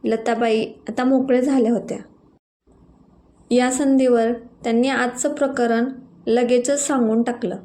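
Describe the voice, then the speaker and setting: A woman tells an emotional family story in a gentle, expressive voice. Her fairly high voice gives the scripted reading a soft touch. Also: a little slow. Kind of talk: scripted narration.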